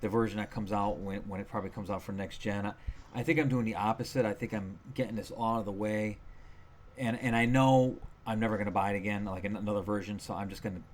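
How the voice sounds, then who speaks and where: A man's voice: lowish voice, steady tone, fast, slight background noise. A man co-hosting a gaming podcast, chatting casually and rambling with lots of fillers and restarts. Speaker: podcast co-host. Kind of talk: casual chat.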